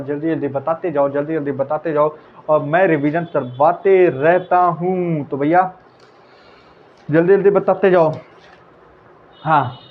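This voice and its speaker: A man teaching biology as a quick revision lecture, repeating answers and chatting casually with students. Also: fairly high pitch. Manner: casual, repeats answers, calls listeners brother. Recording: tinny phone-like audio, faint hiss.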